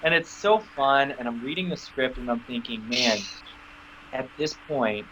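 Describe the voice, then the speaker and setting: Guy guest on a podcast, chatty storyteller, bright tone, kinda dull audio with a little hiss. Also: measured pace. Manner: animated, acts out quoted dialogue with sudden high squeaks. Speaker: actor interview guest. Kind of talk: casual storytelling interview.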